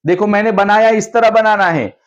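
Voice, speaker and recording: A man's voice: sits high, moderate pace. A man, an Islamic scholar, showing madrasa teachers how to teach children, acting out the questions and the children's answers in a patient, repetitive, encouraging way. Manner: acts out classroom exchanges, asking children questions and answering for them. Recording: dull lo-fi recording.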